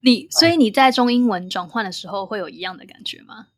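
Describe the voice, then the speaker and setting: A woman's voice: fairly high pitch, fast talker, dry recording. Young Taiwanese-accented woman, close dry sound. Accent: Taiwanese Mandarin. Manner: occasional English words mixed into Mandarin. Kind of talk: casual reflective conversation.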